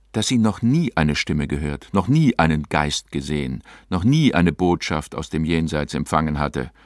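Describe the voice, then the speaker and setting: A man narrating a story as a scripted audiobook reading, measured and expressive, close to the mic. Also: sits low, dry recording.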